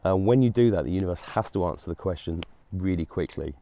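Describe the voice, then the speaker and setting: A middle-aged man hosts his own show in a solo monologue to camera. He speaks fast in a deep, mellow voice, earnest and rambling, restarting himself many times.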